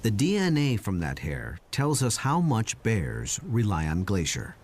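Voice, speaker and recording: A man's voice: lowish voice, huge pitch swings, a little slow, darkish tone. A man reading scripted narration for a nature documentary.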